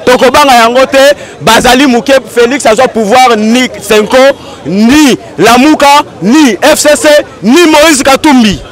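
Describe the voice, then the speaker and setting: A man's voice: extremely high pitch, measured pace, hardly any pauses. A man giving an earnest, insistent street interview outdoors in a city. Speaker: interviewee, party supporter.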